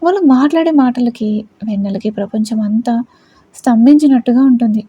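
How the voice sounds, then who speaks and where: A woman narrating a dramatic family story in a steady storytelling way. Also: on the high side, a little fast, slightly rough.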